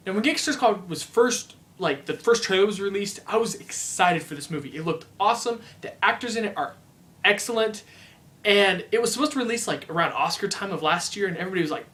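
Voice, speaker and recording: A young man with a high voice gives a casual review of a film he saw. He talks loosely and chattily, often saying "like" as he goes. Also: fairly bright tone. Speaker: movie reviewer.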